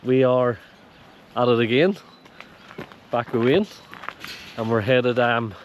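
A man's voice: medium pitch, slow, dull audio. A man vlogging casually to camera while climbing a hillside, chatty and somewhat out of breath, calling his viewers legends. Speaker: hiking vlogger. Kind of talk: casual walk-and-talk to camera. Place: outdoors on open hillside. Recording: outdoor wind and ambient noise.

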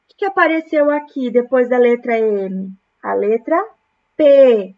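A woman from Brazil, a primary school teacher, correcting exercises in a remote lesson, explaining words slowly, syllable by syllable. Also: a little high, narrow, tinny audio. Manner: slow, patient, syllable-by-syllable explanation.

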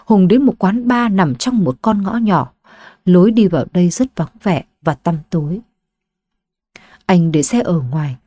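A woman storyteller giving steady, dramatic scripted audiobook narration. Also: mid-range voice, dry recording.

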